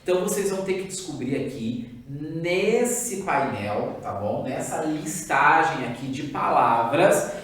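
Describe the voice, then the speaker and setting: A Brazilian man teaching a recorded lesson to young pupils, his pitch rising and falling in lively swings. He explains patiently and checks in often. His voice is heard from a distance in a strongly echoing room. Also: measured pace, few pauses. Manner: patient, repetitive explaining with frequent check-ins. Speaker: primary school teacher. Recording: very echoey room, voice far from the mic.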